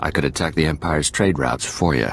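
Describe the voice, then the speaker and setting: Pirate warlord for a game: grandiose, menacing, very deep, over faint rumble. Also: male voice, fairly quick. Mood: bargaining. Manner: pompous, grandiose. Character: boastful, menacing male pirate warlord captain. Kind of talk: video game villain acting.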